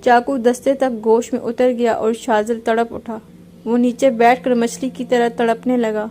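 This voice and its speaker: Flat-voiced woman narrating a novel. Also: on the high side.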